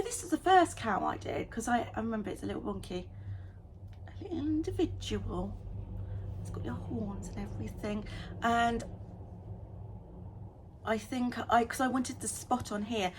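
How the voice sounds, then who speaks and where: A woman vlogging in a casual, chatty way, talking fast and getting excited about small things. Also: fairly high pitch, slight background noise. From United Kingdom. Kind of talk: casual vlog chat.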